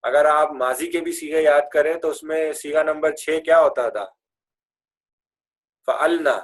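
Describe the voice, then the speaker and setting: A man teaching Arabic verb forms with a slightly high voice, chanting the conjugations and having the class repeat after him. His explanations are full of English grammar terms, delivered as a classroom drill. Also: steady tone. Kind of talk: classroom lesson with recitation drills.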